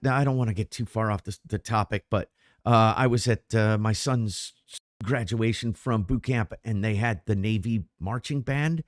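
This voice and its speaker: A middle-aged podcast co-host chats casually, rambling in an animated way with frequent restarts. His medium-pitched voice is captured dry, with clean studio sound.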